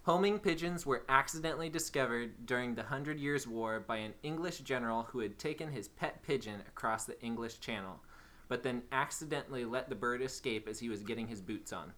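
A man co-hosting a casual podcast, reading out trivia facts in a measured, deliberate way. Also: medium pitch, pushed and bright. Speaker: podcast co-host.

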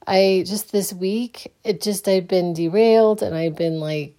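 A woman's voice: mid-range voice, steady tone, measured pace, mellow. A young adult woman, a counselor, chatting casually late at night, sleepy and rambling with lots of fillers and restarts. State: sleepy, yawning. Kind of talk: casual personal vlog.

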